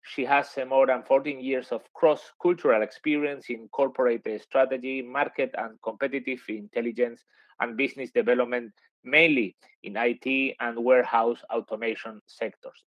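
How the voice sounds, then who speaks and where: A man's voice: mid-range voice, steady tone, moderate pace, dry recording. Hesitant male webinar moderator. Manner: hesitant, many fillers. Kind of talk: introducing speakers and asking questions. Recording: dry, dull lo-fi sound.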